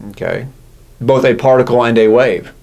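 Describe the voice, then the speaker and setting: A man's voice: mid-range voice, moderate pace, gravelly, darkish tone. A man teaching physics in a casual, self-correcting lecture style, often checking in with "right?". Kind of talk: classroom lecture.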